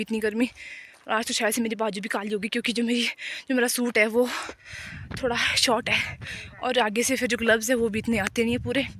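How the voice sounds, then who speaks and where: A chatty young woman talks into a handheld phone while walking outdoors on a hill path through fields. Her voice sits a little high. She rambles on in a casual way, as if to friends. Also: a bit bright. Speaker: vlogger.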